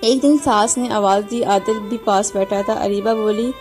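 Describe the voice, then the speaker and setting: Mellow-voiced woman storyteller. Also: medium pitch, fairly even intonation, soft background music. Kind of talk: scripted story narration.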